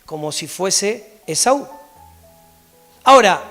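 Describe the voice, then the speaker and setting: A man with an Argentine accent preaching a sermon and reading Bible verses aloud, often checking in with a quick "¿sí?". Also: sits high, faint music behind. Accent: Argentine Spanish. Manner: animated, often checks in with a rising "¿sí?". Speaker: pastor. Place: church.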